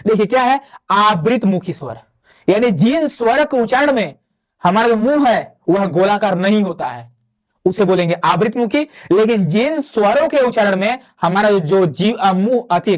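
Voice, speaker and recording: A man teaching a Hindi grammar lecture, explaining step by step and posing questions to the class that he answers himself. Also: high voice. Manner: drawn-out spoken demonstrations of vowel sounds; chatty classroom asides to students. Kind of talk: online exam-prep lecture.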